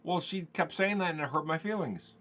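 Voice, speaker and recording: Man putting on a hurt little girl, whiny and insistent, pitched up a bit. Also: animated, fairly quick, fairly bright tone. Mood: hurt, indignant. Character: upset little girl, six or seven, indignant.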